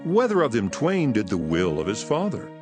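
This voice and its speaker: Jesus in an audio bible drama, solemn emphatic teacher, really animated lowish voice, music under it. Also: male voice, normal speed. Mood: solemn teaching. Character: Jesus, authoritative male teacher telling parables. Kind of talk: dramatized scripture reading. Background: background music.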